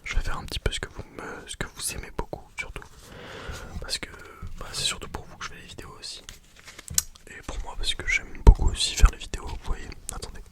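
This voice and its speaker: A young adult ASMR creator whispering close to a sensitive mic to viewers, hesitant and improvising, with casual slang. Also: brisk.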